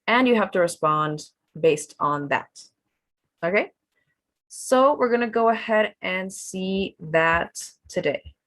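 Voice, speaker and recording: A woman's voice: mid-range voice, slow pace, no room sound. A woman teaching an online test-prep class, explaining tasks in a chatty mix of English and Spanish over a video call. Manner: relaxed, chatty, switches between English and Spanish.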